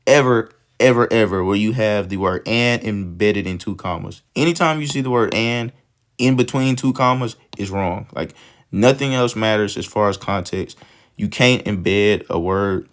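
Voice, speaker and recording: Sniffly male tutor, a bit low-pitched, relaxed and rambling as he walks through practice questions. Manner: casual, thinks aloud, stumbles and restarts. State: sniffly with a cold. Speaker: test prep tutor.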